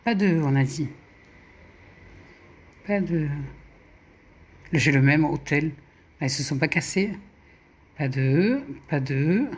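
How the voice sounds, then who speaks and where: Working through puzzle games at home, this female YouTuber mumbles letters and numbers and teases herself over her slip-ups in a relaxed chat. She speaks in a low, animated voice, slowly and with frequent pauses.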